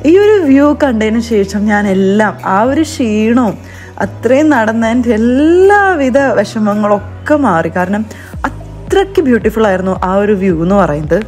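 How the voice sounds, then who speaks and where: A woman's voice: on the high side, animated, normal speed, a little mellow, poor audio. A young woman, narrating a casual travel vlog on a forest trail and talking to viewers as guys. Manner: chatty, mixes in English phrases, addresses viewers as guys. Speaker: travel vlogger. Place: outdoors on a forest trail by a waterfall. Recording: background music under the voice.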